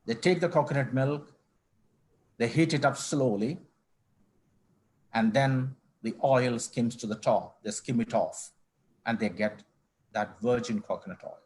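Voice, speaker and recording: A middle-aged man from Kerala, a company managing director speaking as a guest in an online panel interview, measured and formal with frequent restarts. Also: medium pitch, a little mellow, slight background noise. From India, Kerala. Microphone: video call.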